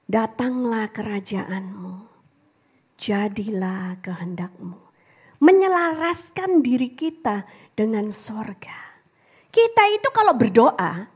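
A high-pitched woman delivers an animated sermon. Her voice swings up to call out to the congregation, then sinks to a hushed whisper on prayer lines. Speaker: preacher. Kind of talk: lively church sermon.

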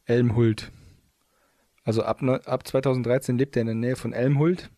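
A man's voice: mid-range voice, steady tone, normal speed, warm tone, no echo. A man co-hosting a casual chat, reading facts aloud in a playful, giggly way and stumbling over words. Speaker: podcast co-host.

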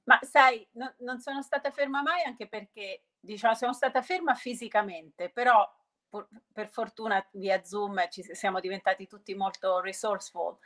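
A woman's voice: medium pitch, fairly even intonation, moderate pace, a bit bright. A woman answering conversationally in an interview, often restarting and rephrasing, dropping English business terms into her Italian. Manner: hesitant, often restarting and rephrasing mid-sentence. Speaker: interview guest, sustainability entrepreneur.

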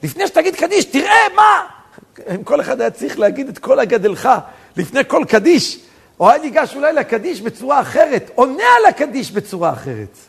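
Man, rabbi, sermon, lively swooping delivery, gravelly husky voice. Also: extremely high pitch. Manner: animated storytelling, rising to near-shouts for emphasis. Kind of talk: sermon with stories.

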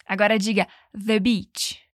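A woman teaching English in a bilingual lesson, giving clear encouraging repeat-after-me drills and slowing down to model pronunciation. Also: medium pitch, level tone, no room sound, clean studio sound.

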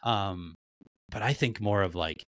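A man hosts a podcast with a low, bright, forceful voice. He talks candidly and loosely, swearing without a second thought. The sound is dry and close. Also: a little slow, no echo. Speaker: podcast host. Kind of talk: casual podcast chat.

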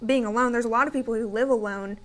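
A woman co-hosting a morning talk show, relaxed and conversational. Her voice sits slightly above the usual female pitch, and she often adds short, agreeing replies. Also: fast talker. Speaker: co-host. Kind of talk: casual chat.

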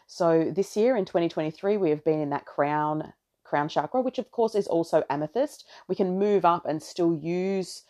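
Casting: woman, slightly low-pitched, effusive astrology host speaking off the cuff in rambling, intimate chat to followers. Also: moderate pace, dark tone. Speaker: astrology podcaster and content creator. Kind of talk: casual spiritual monologue to followers. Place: bedroom, sitting on a bed.

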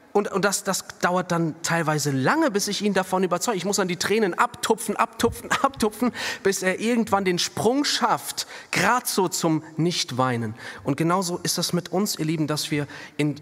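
A middle-aged male pastor preaching a sermon, animated, moving between hushed and emphatic delivery. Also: high voice. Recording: long reverb of a church hall.

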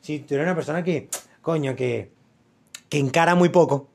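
A man's voice: on the high side, normal speed, creaky, darkish tone. A young Venezuelan man telling stories in a loose, slangy casual chat, full of fillers and repeats. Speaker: podcast co-host.

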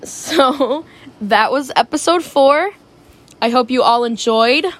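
A woman co-hosting a casual home podcast, talking in a relaxed, easygoing way. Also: high-pitched, takes it slowly. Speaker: podcast co-host. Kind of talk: casual chat. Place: home, indoors.

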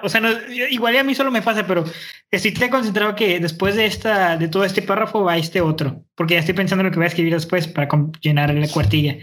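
A young man with a northern Mexican accent hosting a casual chat, talking fast and clipped, often restarting his words. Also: sits high, a bit bright. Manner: fast, clipped talk with frequent stammered restarts. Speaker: host.

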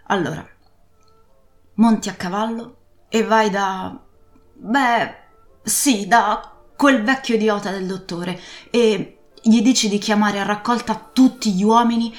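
A woman's voice: mid-range voice, reverberant, lightly acted. Woman putting on an old drunken pirate captain. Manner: pleading then blustering, ranting.

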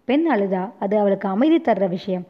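A patient, tender man , as a woman storyteller puts him on, soothes someone in a hushed, lowered voice. His speech is soft and slow to calm. The recording sounds dull and lo-fi. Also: lightly acted. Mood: soothing. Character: gentle consoling grown man comforting a weeping woman.

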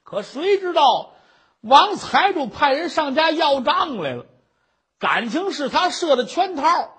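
A man voicing a poor middle-aged widow who sobs and pleads in drawn-out wails. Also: very high-pitched, very animated, bright, forceful tone, voice pushed up, exaggerated voice. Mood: weary telling.

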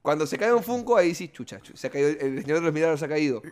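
A man's voice: fairly high pitch, expressive, racing, a little mellow. A man co-hosting a comedy podcast, telling stories with slang and sound effects. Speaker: podcast co-host. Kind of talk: casual comedic banter.

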